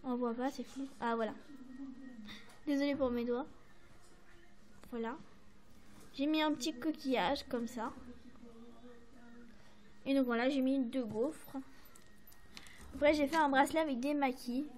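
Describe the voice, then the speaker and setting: High-voiced French woman chatting about crafts. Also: fairly even intonation, a little slow, long pauses, a little mellow, a little hiss or hum. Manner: chatty, hesitant, many fillers and apologies. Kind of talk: casual show-and-tell to camera.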